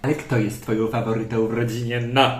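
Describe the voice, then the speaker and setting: A man's voice: medium pitch, level tone, quick pace, slight background noise, lightly acted. A man playing a bossy, nosy middle-aged aunt who nags her family at a holiday dinner, in an echoey room. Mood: nagging. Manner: fussy, nagging, meddling, sharp-tongued. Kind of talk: comedy sketch role-play.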